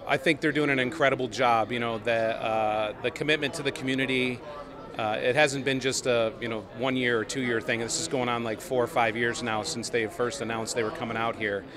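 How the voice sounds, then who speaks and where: A man in his forties, a high school coach and teacher, giving an on-camera interview in an earnest, rambling way full of fillers. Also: fairly even intonation, a little fast. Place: outdoor stadium plaza with crowd around. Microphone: lapel mic. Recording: crowd noise behind.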